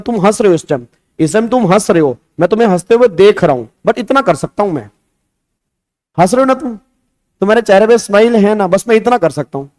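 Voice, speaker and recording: An Indian man with a high voice teaches tax law to an online class. He teases his students playfully and keeps putting questions to them as he explains. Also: a little mellow. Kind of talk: lively online lecture.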